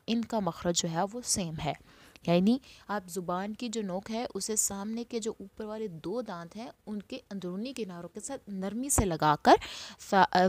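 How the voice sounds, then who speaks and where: A woman teacher giving a recorded lesson on Quranic recitation, explaining where each letter comes from and saying the letters slowly and loudly as examples. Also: medium pitch, dry recording.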